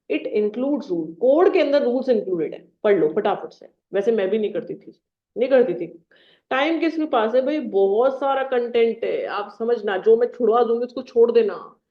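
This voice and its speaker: A woman teaching law to a class, explaining in Hindi mixed with English and slowly reading out legal text. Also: on the high side. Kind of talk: classroom lecture. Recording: dull sound in a roomy classroom.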